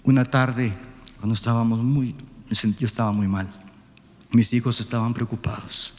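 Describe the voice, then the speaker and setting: A man, a pastor telling a story in a sermon, dropping to a hush and then rising loud. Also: mid-range voice, fairly even intonation, moderate pace, long reverb tail. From Guatemala. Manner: storytelling, swings from hushed to loud. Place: church.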